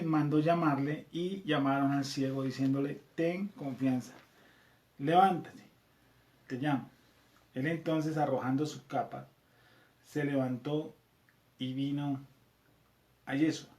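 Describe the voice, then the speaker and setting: A man's voice: a little high, fairly even intonation, a little slow, pauses often, a little mellow, reverberant. A man with a Colombian accent leading a Bible study class, reading verses aloud, repeating them and checking in with his listeners. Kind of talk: scripture class, reading and explaining.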